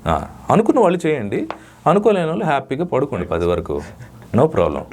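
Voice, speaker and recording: A man, a dubbing artist, giving emphatic, lecturing interview answers with sudden loud rises. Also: mid-range voice, sing-song, brisk, slight background noise.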